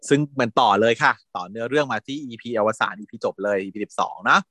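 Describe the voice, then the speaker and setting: A man casually recapping a TV drama as a podcast host, animated, laughing often and acting out lines. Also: medium pitch, fast, dry recording, studio quality.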